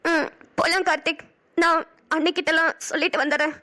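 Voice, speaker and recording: A woman's voice: flat delivery, fairly quick. A woman voicing a heartbroken young woman in a cartoon drama, speaking in a pleading, sobbing way. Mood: grateful. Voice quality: high bright girlish voice. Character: heartbroken young woman Kanmani, tearful and hurt.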